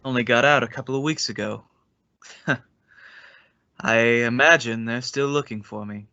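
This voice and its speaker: In an old-time radio suspense drama, an actor plays an unhinged man who is quietly menacing, speaking in a measured, bitter and sardonic way. His voice sits at a medium pitch, and the dry recording sounds slightly dull.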